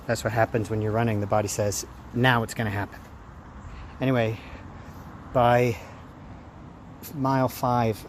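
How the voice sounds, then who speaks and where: A man talking casually and reflectively to a handheld phone in a rambling vlog, in halting phrases. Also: medium pitch, darkish tone. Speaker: running vlogger. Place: outdoors after a run. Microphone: handheld phone camera at arm's length. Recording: outdoor noise, traffic ambience.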